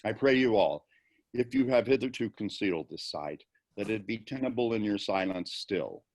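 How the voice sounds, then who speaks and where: A man playing Hamlet, a grieving, brooding young prince, in a Shakespearean dramatic reading over a video call, with deliberate theatrical phrasing. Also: on the low side, expressive, a little mellow. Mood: resolute, grave. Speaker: amateur volunteer actor.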